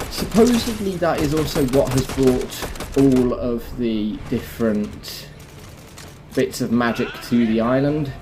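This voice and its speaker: A man with a medium-pitched voice hosts a gaming video, casually walking through the game and explaining each step directly to viewers. Some background noise is audible.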